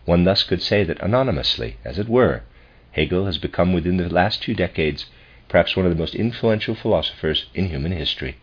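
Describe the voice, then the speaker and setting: A man with a husky voice reading a scholarly philosophy lecture aloud in a formal, deliberate, professorial manner. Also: deep voice, animated. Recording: dull lo-fi recording.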